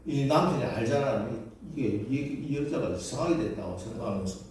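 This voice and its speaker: A man's voice: medium pitch, animated, a little fast, a little mellow, a little hiss or hum. A male pastor delivers a storytelling sermon and slips into the voices of the people in his tale. He is picked up from a distance in a large church sanctuary, and his words ring off the walls in heavy reverb. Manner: storytelling sermon, acting out quoted voices with rising emphasis. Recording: echoey church hall from far off.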